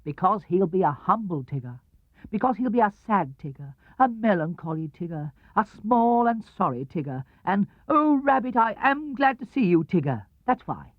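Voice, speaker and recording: Man as self-important storybook rabbit, high and swooping, brisk authority, dull cassette-era sound. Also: sing-song, no room sound. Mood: bossy, scheming. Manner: brisk, emphatic, explaining with authority. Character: bossy, self-assured busy storybook rabbit. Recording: muffled 1970s cassette-era recording.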